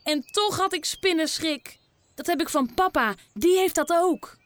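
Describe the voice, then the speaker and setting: A woman's voice: very high-pitched, animated, unhurried, voice pushed up. A woman voicing a frightened little boy who whispers and whines. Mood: whiny. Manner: frightened whisper, then whiny. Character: scared little boy Teun.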